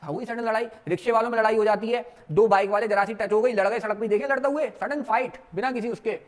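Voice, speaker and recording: High-voiced man teaching law. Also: fast talker. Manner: storytelling, mixing Hindi and English, asks students questions. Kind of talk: exam lecture.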